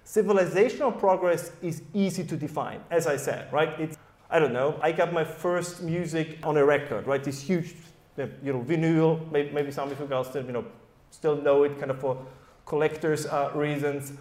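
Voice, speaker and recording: A man with a German accent addresses a live audience in a loose, conversational way, often tossing in a quick "right?". His voice sits fairly high for a man and rings out in an echoey hall. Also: a little mellow. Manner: conversational, keeps checking in with "right?". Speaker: panel speaker. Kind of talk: live panel talk to an audience. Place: event hall at a summer school.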